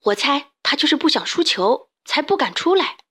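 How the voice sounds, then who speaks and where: A woman's voice: sits high, big pitch swings, normal speed, pushed and bright, pitched above the performer's own voice, exaggerated voice. A woman voicing a confident, caring young chick boy.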